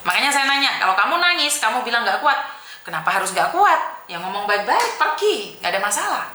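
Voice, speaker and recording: A woman's voice: a little high, big pitch swings, brisk, sharp tone, a little hiss or hum. Firm advice-giving woman, echoey room. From Indonesia. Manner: firm, repeats herself, calls the caller "sayang". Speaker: host giving advice to a caller. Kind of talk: call-in advice chat.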